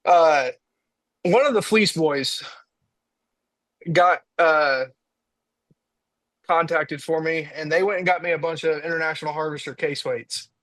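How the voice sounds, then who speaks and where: A man's voice: a little high, measured pace, pauses often, a bit bright, no echo, low-quality recording. A young man from Indiana, a diesel truck racer on a podcast, telling a story in casual chat and acting out his own quotes.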